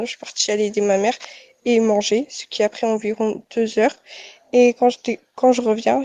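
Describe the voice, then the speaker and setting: A woman's voice: on the high side, mellow, no room sound, muffled recording. A young woman giving a casual, rambling testimony full of fillers. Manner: rambling, many fillers like "et tout" and "bref". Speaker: testimony giver.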